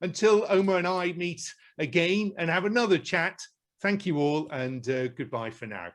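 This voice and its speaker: Guy wrapping up a webinar, light-hearted, a bit high-voiced, stumbles on starts. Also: moderate pace. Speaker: webinar host. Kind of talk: casual webinar chat.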